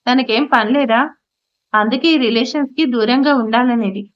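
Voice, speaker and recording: A woman's voice: fairly high pitch, moderate pace, close to an everyday voice. A woman voicing an irritated, bossy young man in an audio story, speaking sharply and impatiently. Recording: slightly muffled audio.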